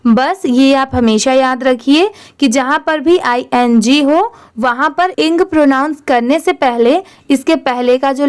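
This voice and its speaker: A young woman with an Indian accent teaching English reading, spelling out words letter by letter and asking and answering her own questions. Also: high voice. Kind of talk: slow spelled-out reading lesson.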